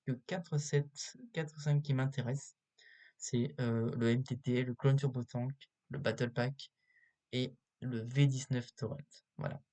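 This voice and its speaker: A man giving casual, unscripted video commentary as a host, halting often with filler sounds, recorded on a cheap built-in laptop microphone. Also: mid-range voice, fairly even intonation, mellow. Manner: hesitant, halting delivery with many filler pauses. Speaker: YouTube host reviewing toy sets.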